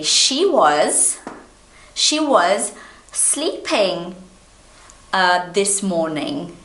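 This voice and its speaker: A woman's voice: lowish voice, fairly bright tone. A woman in her thirties from Brazil, a native Portuguese speaker, giving an online English lesson in a patient, encouraging way, talking straight to the viewer. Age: 30s. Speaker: English teacher. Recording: echoey room.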